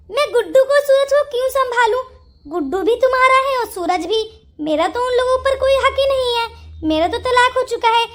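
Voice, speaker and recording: A woman's voice: extremely high pitch, a bit bright. A woman voicing an angry young ex-wife in a Hindi cartoon story, blunt and accusing. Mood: confronting. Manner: scolding, accusing.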